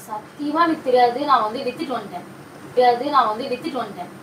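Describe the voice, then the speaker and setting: A woman's voice: fairly high pitch, quick pace. A woman pulling a prank at home, teasing and coaxing in a casual, playfully defensive way. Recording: roomy and distant with faint noise.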